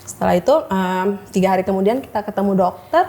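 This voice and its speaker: A woman's voice: medium pitch, quick pace, mellow. A woman in her thirties telling her own hard story as an interview guest, hesitant, with many fillers, acting out what doctors told her. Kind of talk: emotional personal testimony.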